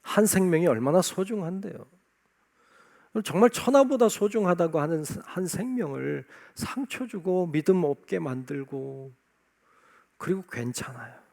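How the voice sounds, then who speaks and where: A man's voice: sits high, creaky, a little mellow. A man preaching a sermon as pastor, emphatic and driving his points home by repeating key phrases. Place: church sanctuary.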